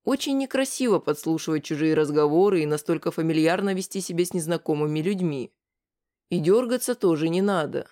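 The reader voicing a calm, menacing grown man who speaks slowly and quietly in an audiobook. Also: mid-range voice, natural voice. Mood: calm threat. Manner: slow, quiet, measured.

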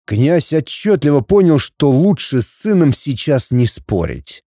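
A man narrates an audiobook in an expressive, wry manner, his pitch moving freely over a wide range. His voice is warm and mellow, and the recording is dry and close to the mic. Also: measured pace, no echo. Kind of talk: audiobook reading.

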